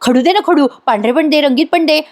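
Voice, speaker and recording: A woman voicing a scheming, unhinged young woman villain in jail, shrill, childish and mocking. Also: a little fast, darkish tone, close to an everyday voice. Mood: shrill demanding. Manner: shrill, childish and manic, mocking sing-song.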